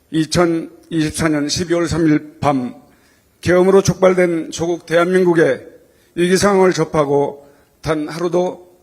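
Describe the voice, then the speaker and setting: Male, fairly high voice, community leader reading a ceremonial welcome address, earnest and respectful. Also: darkish tone. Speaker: Korean community association president giving a welcome address. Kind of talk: formal prepared speech.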